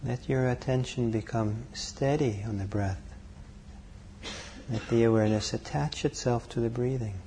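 A man leading a guided meditation, calm and unhurried, speaking in short phrases with long pauses between them. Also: medium pitch, a little hiss or hum. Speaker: meditation teacher.

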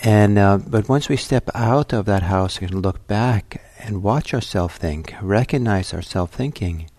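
Brief: deep-voiced man, meditation teacher streaming a talk, dry close sound, easygoing and slow to find words. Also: dry recording. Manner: gentle, unhurried, many soft fillers. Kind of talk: dharma talk leading into guided meditation. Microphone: computer livestream setup.

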